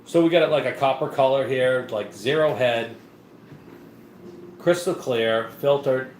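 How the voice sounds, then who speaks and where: A man's voice: mid-range voice, a little slow. A man co-hosting a live beer review show, chatting casually and rambling with many fillers and restarts. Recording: echoey room with faint noise.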